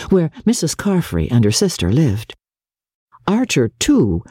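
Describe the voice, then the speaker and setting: A woman reads a classic novel aloud as a dramatic audiobook narrator, measured and expressive with deliberate phrasing. Her voice is rumbling low and slightly rough, recorded with clean studio sound and no echo.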